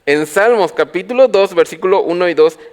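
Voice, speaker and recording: Higher-voiced man preaching a sermon. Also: expressive, a little fast. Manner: preaching with rhetorical questions to the congregation; swings from loud calls to quiet low phrases. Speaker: pastor. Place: church.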